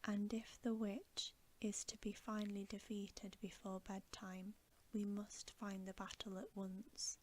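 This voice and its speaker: A woman voicing a noble, commanding male lion who gives measured orders, in a whispered storybook reading. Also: mid-range voice, flat delivery, a little mellow, natural voice. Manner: measured, authoritative instructions.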